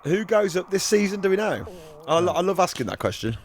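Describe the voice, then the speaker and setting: A man's voice: high-pitched, big pitch swings, fairly quick, a little hiss or hum. An enthusiastic man co-hosting a casual watch-along chat, laughing often and stumbling over restarts. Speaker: podcast co-host.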